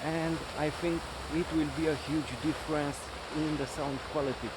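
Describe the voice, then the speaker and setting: Man talking outdoors over loud rushing noise. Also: fairly high pitch, steady tone. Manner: halting, repeats words. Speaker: gadget reviewer. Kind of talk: product review vlog, casual explaining. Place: outdoors in a city by a fountain. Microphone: smartphone or small shotgun mic, handheld. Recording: outdoor microphone test, loud water and traffic noise, wind. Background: rushing fountain, traffic, wind.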